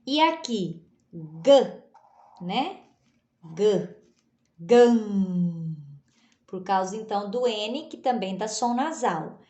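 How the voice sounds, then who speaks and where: A woman teacher giving a slow, patient spelling lesson, sounding out letters and often checking in with her listeners. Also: on the high side, expressive, a little mellow. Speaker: literacy teacher. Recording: echoey room.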